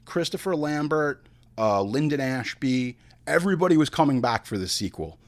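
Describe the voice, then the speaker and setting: A man with a medium-pitched voice and lively intonation, speaking at normal speed, hosts a movie review podcast. His crude, profane comedic film commentary mixes read facts with ranting asides, and he theatrically acts out imagined dialogue.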